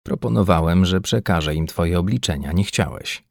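A man voicing a calm, scheming male official in a science-fiction audiobook, speaking in a quiet, soothing, restrained way. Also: low voice, normal speed, gravelly, no echo, clean studio sound. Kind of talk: audiobook character voice.

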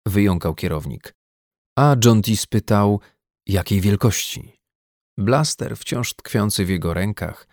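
Give me a deep-voiced man reading an audiobook in a steady, measured way. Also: creaky, dry recording, studio quality. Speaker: audiobook narrator. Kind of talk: scripted narration.

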